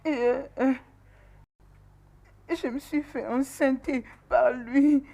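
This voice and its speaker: A woman's voice: high voice, fairly even intonation, drawn-out words, creaky, warm tone, heavily acted. An actress playing a young, pregnant, homeless village woman who speaks hesitantly and tearfully in a dubbed film. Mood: sorrowful.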